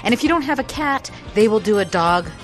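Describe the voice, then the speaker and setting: A woman's voice: medium pitch, animated, a little fast, soft background music. A woman co-hosting a radio talk show, chiming in upbeat on giveaways. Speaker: radio co-host.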